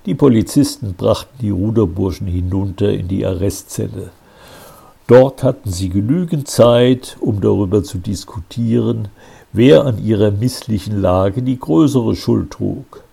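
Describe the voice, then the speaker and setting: Slow, gravelly male storyteller. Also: lowish voice. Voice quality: gravelly, husky. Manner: calm, measured storytelling. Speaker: narrator. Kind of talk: audiobook reading of a crime novel.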